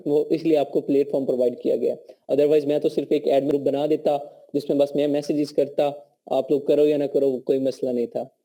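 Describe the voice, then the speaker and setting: A man with a Pakistani accent and a sore throat teaches a live online class over a call, speaking at medium pitch in a level, dark tone and a moderate pace. His lecture is conversational, and he checks in with his students frequently.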